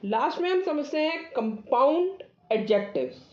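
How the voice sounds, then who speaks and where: A woman teaching a grammar lesson, explaining rules step by step and reading example sentences slowly and deliberately. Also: sits high, expressive, muffled recording.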